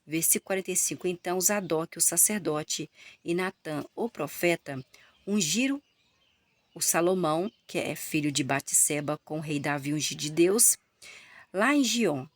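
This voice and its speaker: A woman's voice: low voice, animated. Brazilian woman reading scripture phrase by phrase. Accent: Brazilian Portuguese. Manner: halting phrase-by-phrase reading, repeats titles. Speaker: Bible reader. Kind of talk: Bible reading with asides.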